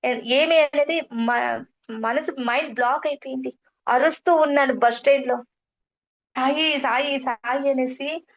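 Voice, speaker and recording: A woman's voice: high-pitched, moderate pace. A middle-aged woman gives an earnest spiritual testimony, repeating herself often and addressing the interviewer as madam. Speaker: guest sharing a spiritual testimony. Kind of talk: earnest personal storytelling. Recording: muffled lo-fi recording.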